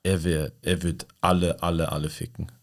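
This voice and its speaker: A young man hosting a casual podcast chat, blunt and animated, telling stories with swearing. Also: a bass voice, moderate pace. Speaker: comedian podcast host.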